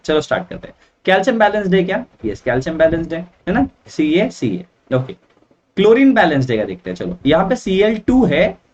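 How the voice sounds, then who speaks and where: Heard dull and from a distance, this science teacher has a somewhat high, slightly mellow voice. He's chatting his way through a chemistry lesson at the board, mixing in English phrases and frequently asking "okay, right?".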